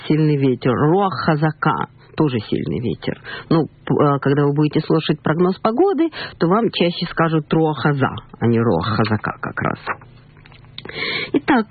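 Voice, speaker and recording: A woman teaching a language lesson on the radio, patiently explaining and slowly repeating words. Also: deep voice, breathy edge, no room sound. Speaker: Hebrew teacher. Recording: tinny phone-like radio broadcast.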